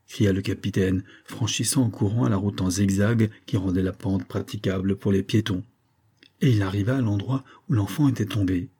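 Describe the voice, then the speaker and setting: Male audiobook narrator, measured storytelling, low husky voice. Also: mellow. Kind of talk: scripted narration.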